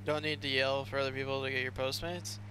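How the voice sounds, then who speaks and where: A man's voice: mid-range voice, fairly even intonation, quick pace. Male streamer, joking gamer chatter, noisy game audio. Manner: joking, bickering with teammates. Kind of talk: gaming voice chat.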